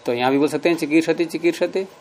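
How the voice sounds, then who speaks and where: A man's voice: fairly high pitch, a little mellow. Man patiently teaching Sanskrit grammar. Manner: patient, repeats forms slowly and explains step by step. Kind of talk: classroom lesson explaining grammar rules.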